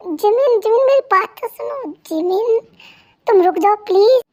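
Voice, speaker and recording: A woman's voice: extremely high pitch, fairly even intonation, moderate pace, no room sound, studio quality. A woman doing a pleading young husband. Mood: urgent. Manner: pleading and apologetic. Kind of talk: Hindi fan dub.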